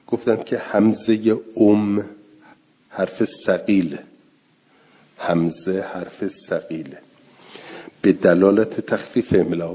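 This man's voice sits low, warm and slightly rough. He is teaching a lecture class, explaining recitation rules one step at a time and going back over his examples, all captured in a dull lo-fi recording.

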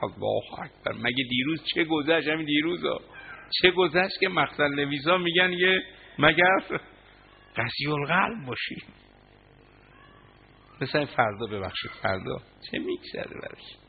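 A man's voice: on the high side, animated, vocal fry. A man preaching a mourning sermon, impassioned, his voice breaking into sobs as he recounts the narration. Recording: tinny phone-like line, faint noise.

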